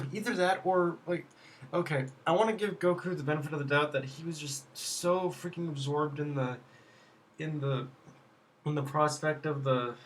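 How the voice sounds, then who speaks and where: A man's voice: on the high side, fairly bright tone, slight background noise. Stammering, cussing young man reviewing anime. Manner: halting, stammering restarts, heavy swearing. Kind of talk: casual episode review rant.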